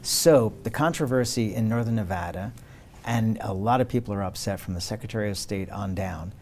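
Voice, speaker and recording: A man hosts a broadcast political interview. His voice sits low and has a dark, mellow tone, with faint noise behind it. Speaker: political interview show host.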